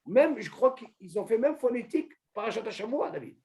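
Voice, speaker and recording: A man teaching an informal religious lesson to a small group, animated, asking questions and calling on a student by name. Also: very high-pitched, brisk, slight background noise. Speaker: Torah teacher.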